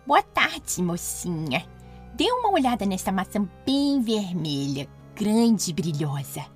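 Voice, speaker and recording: A woman's voice: medium pitch, very animated, slow, soft background music. A woman voicing a wicked queen disguised as an old apple-selling woman in a children's storybook reading, with a wheedling, sweetly sinister manner.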